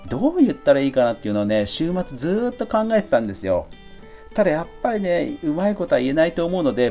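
A middle-aged man, medium in pitch with a dark tone, talks casually by himself on his podcast. He is replying to a listener letter in a conversational manner, with a self-deprecating streak.

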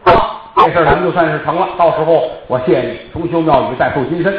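A man's voice: a little high, quick pace, lightly acted. Man doing a boastful tiger spirit. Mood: swaggering. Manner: boastful, swaggering. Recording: echoey, dull lo-fi, loud noise.

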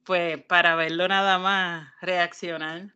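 Bright-voiced woman telling stories. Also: fairly low pitch, slow, clear, resonant tone, highs cut off. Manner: animated storyteller, acts out family members' voices. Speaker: podcast co-host. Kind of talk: casual chat.

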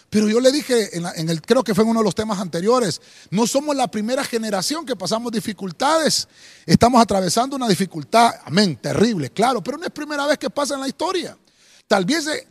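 A man's voice: extremely high pitch, husky. A man preaching a sermon as pastor, speaking directly to the listener and often adding "hermano". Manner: preaching with rising emphasis, repeated "hermano".

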